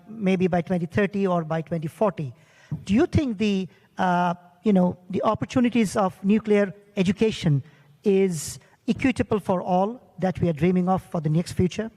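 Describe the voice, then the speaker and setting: A middle-aged man moderates a panel, building his question slowly with plenty of fillers. His voice is quite high, and his handheld mic carries the long echo of a large hall. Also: a little mellow. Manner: hesitant, filler-heavy questioning. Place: large conference stage hall.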